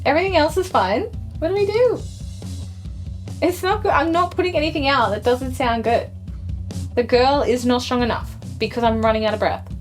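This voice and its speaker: A woman's voice: high voice, moderate pace, faint music behind. A young woman singer chatting between takes in a recording studio, self-critical and laughing often. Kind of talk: casual chat during a recording session.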